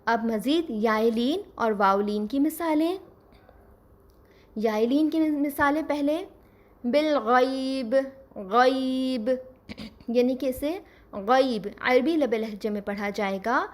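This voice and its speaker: Patient lady teacher, pretty high voice, slows way down to show each sound. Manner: patient, explains step by step, slows down to model pronunciation. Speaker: Quran recitation teacher. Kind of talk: scripted lesson.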